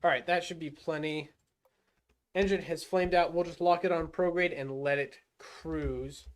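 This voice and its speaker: A man's voice: on the high side, fairly even intonation, unhurried. A man livestreaming a rocket game, thinking aloud and talking himself through each move. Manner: self-muttering with fillers and restarts. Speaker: gaming livestreamer. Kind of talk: casual live gameplay commentary.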